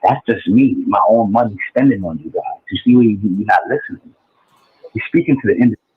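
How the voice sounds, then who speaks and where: A man in his forties calling into a show over a muffled, low-quality phone line that sounds underwater, rambling and hard to follow. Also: fast, breathy edge, dry recording. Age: 40s. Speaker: caller. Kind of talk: call-in show chat.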